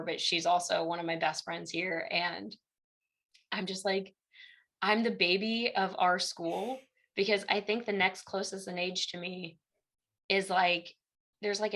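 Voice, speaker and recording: This young Illinois woman has a lowish, sharp-toned voice and a Midwestern accent. A university instructor chatting as an interview guest, she recounts stories and acts out the quoted back-and-forth.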